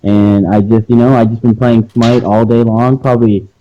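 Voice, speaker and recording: A man's voice: medium pitch, little pitch movement, normal speed, slight background noise. A young man chatting in an easygoing way as a podcast co-host, heard through muffled phone-call audio. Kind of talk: casual chat over a call. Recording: muffled dull phone line.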